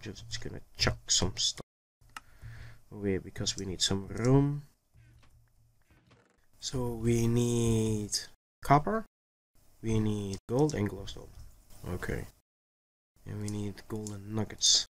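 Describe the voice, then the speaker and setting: A man's voice: on the low side, steady tone, slow pace, pauses often. A man giving casual let's play commentary, muttering to himself in short fragments with a grumbly, exasperated edge. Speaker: gaming video host.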